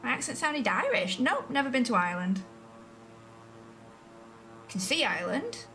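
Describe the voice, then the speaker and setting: A woman's voice: sits high, wildly swooping pitch, moderate pace, bright, forceful tone. A woman from England chatting casually as she streams a flight simulator game, thinking aloud and second-guessing herself. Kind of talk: casual live-stream commentary while playing a flight simulator. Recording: voice a bit distant from the mic, faint music behind.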